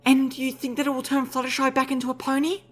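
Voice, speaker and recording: A man voicing a gentle but resolute young unicorn mare healer in an audiobook reading, soft and earnest, firm when she makes up her mind. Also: very high-pitched, completely flat delivery, fast talker, pitched above the performer's own voice. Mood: eager hopeful. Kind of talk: audiobook character voice.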